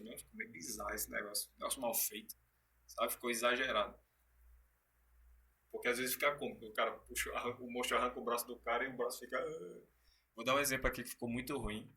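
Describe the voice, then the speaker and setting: A man's voice: mid-range voice, pushed and bright. A man being interviewed as a guest actor, telling stories animatedly in casual chat with frequent restarts. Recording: distant from the mic.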